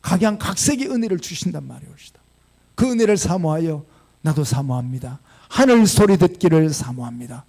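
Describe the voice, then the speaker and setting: A middle-aged man preaching a sermon. His voice sits high and leaps about with lively pitch, with a gravelly edge. He tells his story by dropping to quiet asides, then rising to emphatic declarations. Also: fairly quick. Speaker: pastor.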